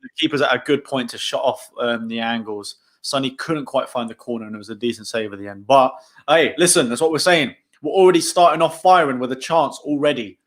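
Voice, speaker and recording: Young English man hosting a laid-back football watchalong, excitable delivery. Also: mid-range voice, a little fast, hardly any pauses. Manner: excitable, shouts at the game. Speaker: channel host. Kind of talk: casual live match watchalong.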